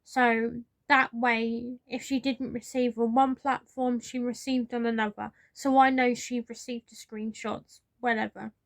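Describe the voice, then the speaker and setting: A young British woman recounts a personal story for her vlog, earnest and candid, with frustration showing through. Her voice sits somewhat high. It is recorded dry and close, with no echo around it. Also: level tone, a little slow, vocal fry, few pauses. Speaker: vlogger.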